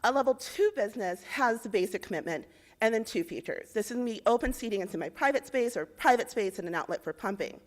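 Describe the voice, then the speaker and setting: A young woman from Indiana presents a rehearsed policy pitch in a slightly high voice. She lays out facts and figures in a clear, measured, persuasive way. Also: animated.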